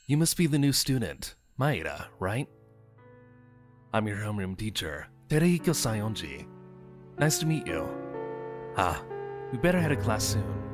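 A man's voice: mid-range voice, sing-song, slow, long pauses, faint music behind. A man voicing a suave, teasing homeroom teacher in an overacted anime fan dub.

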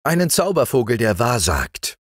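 A man's voice: mid-range voice, sing-song, normal speed, no room sound, studio quality, voice pushed up. A man voicing a sly, cunning wandering stranger in a knowing tone.

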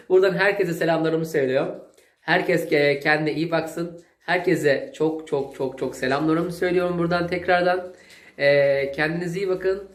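A man speaks in a broad Zonguldak Turkish dialect, talking to camera in a rambling, folksy way. His voice sits a little higher than most men's. The sound carries a roomy echo. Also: moderate pace. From Zonguldak, Turkey. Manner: folksy, rambling, with long shout-outs to viewers. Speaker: cooking vlogger. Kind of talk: casual chat to camera.

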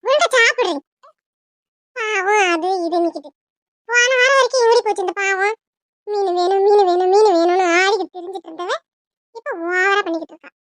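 A woman voicing a sharp-tongued village mother in a cartoon, nagging and sarcastic, with a southern Tamil Nadu accent. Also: very high voice, fairly quick, pauses often, no room sound.

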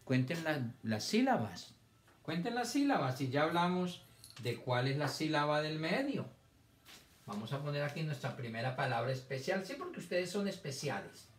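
A man's voice: fairly high pitch, very animated, normal speed, slight background noise. A man teaching a children's reading lesson, patiently stretching out words syllable by syllable. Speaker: primary school teacher. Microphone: camera on a stand.

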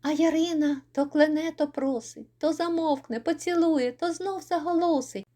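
A woman narrating a poem for an audiobook in a measured, expressive way. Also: high voice. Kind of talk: audiobook poetry reading.

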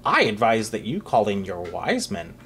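A storyteller voicing a worried male court scribe, with a thin breathy voice. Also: mid-range voice, very animated, moderate pace, a bit bright, voice pushed down, heavily acted. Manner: worried, counting aloud.

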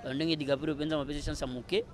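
A man in his thirties with a Congolese accent talks casually as an interview guest, switching between languages. His voice is fairly high and evenly intoned, and he speaks fast. The recording is a noisy outdoor one made on a handheld interview microphone.

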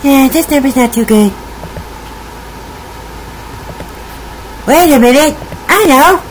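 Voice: high voice, expressive, normal speed, a little hiss or hum, poor audio. A performer voicing a hot-tempered, indignant girl cartoon mouse puppet in a comic prank-call skit. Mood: sarcastic. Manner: indignant, shouting, exasperated.

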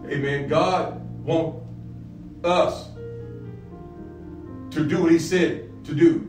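Middle-aged male pastor, high voice, preaching with repetition, distant and roomy over faint music. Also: steady tone, takes it slowly, darkish tone. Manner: repeats phrases, builds to emphatic peaks. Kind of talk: sermon-style Bible lesson.

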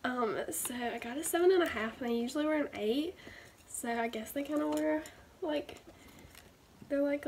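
Teen girl, Southern accent, casual bedroom haul vlogger; light higher voice, webcam sound with a faint hiss. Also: a little mellow. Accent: Southern American. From American South. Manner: chatty, fillers of "like" everywhere. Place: bedroom, indoors. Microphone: webcam at desk distance.

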